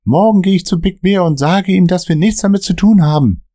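A man voicing a frantic, high-strung young waiter who swears when scared, in a read-aloud story. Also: brisk, warm tone, dry recording, clean studio sound, close to an everyday voice. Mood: panicked. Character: panicky young male waiter friend.

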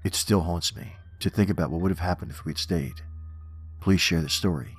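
A man giving a grave, drawn-out dramatic reading of horror stories and verse. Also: low-pitched, gravelly, slightly rough. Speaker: narrator. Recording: music under the voice.

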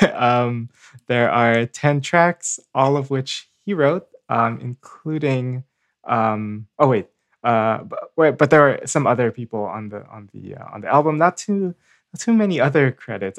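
A man's voice: medium pitch, measured pace, no room sound. Guy hosting a podcast, lots of ums and uhs, dry close sound. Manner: hesitant, many fillers and restarts. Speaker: podcast co-host. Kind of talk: casual podcast chat.

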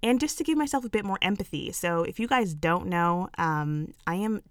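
A woman's voice: on the low side, lively intonation, moderate pace, no echo, clean studio sound. A woman from England hosting a solo podcast, talking candidly and reflectively in a chatty way with many fillers. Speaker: podcast host.

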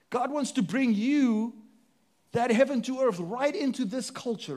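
A South African pastor, his voice high for a man, preaches a sermon from the pulpit with sweeping rises and drops. He fires rhetorical questions at the congregation, shifting between emphatic declarations and quieter, hushed passages.

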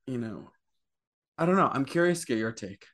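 A man in his thirties co-hosting a podcast, thinking out loud with lots of hesitations and restarts. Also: medium pitch, lively intonation, a little fast. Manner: hesitant, searching for words, curious. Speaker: podcast co-host. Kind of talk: casual chat.

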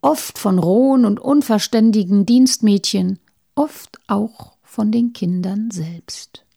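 A woman reads a children's story aloud with lively expression, sometimes dropping to a hushed whisper. Her voice is mellow and dark, with a gravelly edge. Her pitch sits in an ordinary middle range. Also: takes it slowly.

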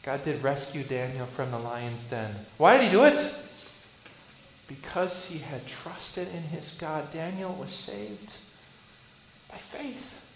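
A male Lutheran pastor preaching a sermon. He asks rhetorical questions and swings between loud bursts and hushed lines. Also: medium pitch, unhurried, roomy sound, slight background noise, poor audio.

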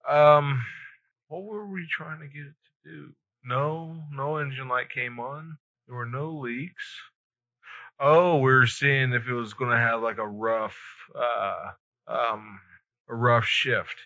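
A man's voice: mid-range voice, steady tone, slow, bright, forceful tone, no echo. A man hosting a podcast, chatting casually with hesitant, laid-back phrasing. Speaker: podcast host. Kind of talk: casual conversational podcast chat. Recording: slightly muffled, lo-fi podcast sound.

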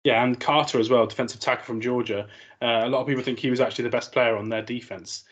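A man hosts a casual sports podcast, talking fast and asking questions between fillers. His voice sits in a middle pitch. The audio is a little dull and muffled. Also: steady tone. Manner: chatty, asks questions with fillers. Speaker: podcast host.

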